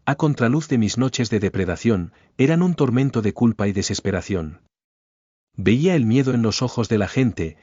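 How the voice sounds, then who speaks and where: A man's voice: lowish voice, darkish tone, no echo, lo-fi sound. A man narrating a scripted horror story in the first person, with solemn, dramatic storytelling.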